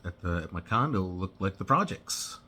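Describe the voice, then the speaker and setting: A man casually telling a personal story, halting and rambling with many restarts and "you know"s. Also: low voice, big pitch swings, fairly bright tone, breathy edge.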